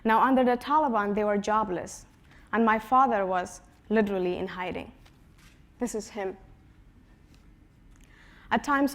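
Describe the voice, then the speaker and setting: Young woman in her twenties from Afghanistan, mid-pitched, earnest storyteller whose phrases fade at the ends. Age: 20s. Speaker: conference speaker. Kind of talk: prepared personal talk.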